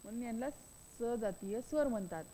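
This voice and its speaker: A woman's voice: on the high side, brisk, mellow, big-room sound, a little hiss or hum, rough recording. A woman teaching a grammar lesson, repeating each point and asking questions that she answers herself. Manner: repetitive, asks and answers own questions.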